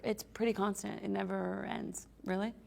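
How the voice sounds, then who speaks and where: A woman's voice: mid-range voice, steady tone, normal speed, vocal fry. A female actor in an interview, speaking in a light, amused way. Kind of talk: casual interview chat.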